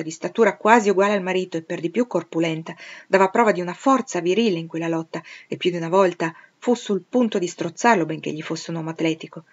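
A woman reading a novel aloud in a steady, expressive narrating voice. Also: on the low side. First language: Italian. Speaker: audiobook reader. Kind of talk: literary reading. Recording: dull lo-fi recording.

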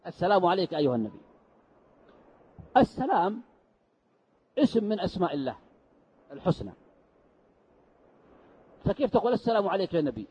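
A man's voice: high-pitched, breathy edge. A man teaching a mosque lesson, explaining step by step and answering his own rhetorical questions. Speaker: sheikh teaching Quran commentary. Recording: dull lo-fi lesson recording.

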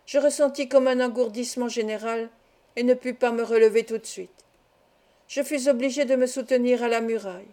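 A woman reading a novel aloud as an audiobook, calm and measured. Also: a little high. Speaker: audiobook reader. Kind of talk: audiobook narration.

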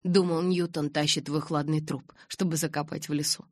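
A calm, teasing teenage boy savours his words with quiet amusement, read by a woman in her own voice. The voice sits low with a husky grain. The sound is dry and close. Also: no room sound. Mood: amused. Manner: amused and unhurried.

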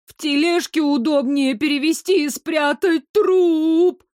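A woman reading an audiobook, voicing a frightened, sharp-tongued young woman who wails and snaps in a high-strung way. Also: a little slow, no room sound, studio quality. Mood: frightened, snappy. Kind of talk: audiobook character voice.

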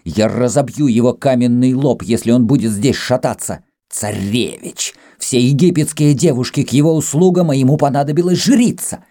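A jealous young Greek man, seething and hurling threats in a strained, raised voice, as a male reader puts him on. The delivery swings widely in pitch, while the tone stays warm and dark in a dry, close recording for an audiobook. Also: lively intonation, measured pace, hardly any pauses, slightly rough, no room sound, exaggerated voice. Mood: furious.

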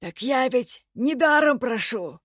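A woman voicing a sly, slow-talking elf veteran. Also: a little high, dry recording, clean studio sound. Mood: crafty. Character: sly, seasoned male elf warrior.

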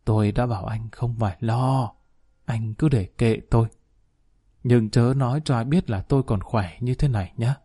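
Weak sly old guy, slow broken murmur, dark dry tone, man doing the voice. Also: medium pitch, slightly rough, dry recording, close to an everyday voice. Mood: secretive. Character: frail old man, former official, sly.

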